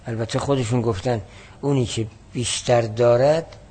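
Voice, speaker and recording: A man giving a lesson on a classical text, explaining word meanings and reading passages slowly and more loudly. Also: medium pitch, steady tone, slightly rough. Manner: explanatory, reads Arabic text slowly and louder. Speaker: teacher.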